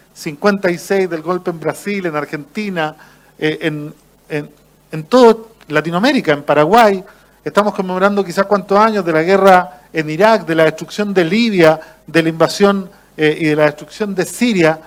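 A man's voice: high-pitched, low-quality recording. Chilean man giving a fiery speech. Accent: Chilean Spanish. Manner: impassioned, rhetorical, frequent "eh" pauses. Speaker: political speaker. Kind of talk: political speech at a conference.

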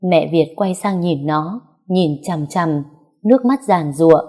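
Story narrator: woman, low mellow voice, soft and even, close mic. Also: measured pace. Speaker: audiobook narrator.

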